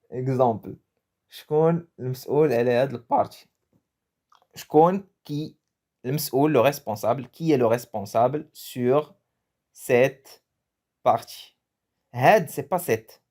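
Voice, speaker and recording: A man's voice: medium pitch, slow pace, long pauses, warm tone. A man from Morocco giving a casual, chatty language lesson, often restarting his phrases and laughing at his own jokes. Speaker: language teacher.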